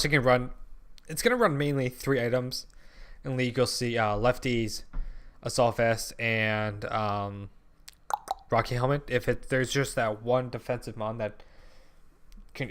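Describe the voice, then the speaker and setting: Young man, gaming channel host, casual commentary, rambling, lots of ums, swears freely. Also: mid-range voice. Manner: thinks aloud with many ums and frequent swearing; rambling, drops and restarts sentences.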